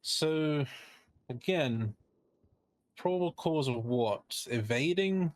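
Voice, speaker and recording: A man's voice: on the high side, animated, slow, no room sound. A man playing a skeptical, indignant defense lawyer in a role-play game, giving a courtroom closing argument with pointed, sardonic rhetorical questions.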